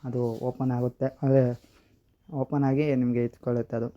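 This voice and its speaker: In a relaxed app walkthrough, a male tutorial host repeatedly says "guys" while addressing his audience directly. He talks briskly in a level, mid-range voice. The lo-fi recording sounds a little dull, with slight background noise.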